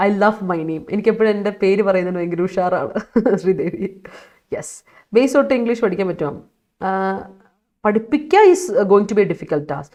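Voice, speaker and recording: A woman's voice: mid-range voice, lively intonation, unhurried, mellow. A woman English teacher from Kerala running a live online vocabulary class, mixing English words into her explanations and laughing as she answers her students. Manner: mixes English words into explanations, reads student chat aloud, laughs often.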